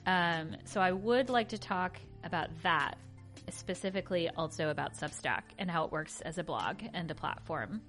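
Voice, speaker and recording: A woman's voice: lowish voice, fairly bright tone. A woman co-hosting a podcast in casual, rambling and playful chat. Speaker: podcast co-host.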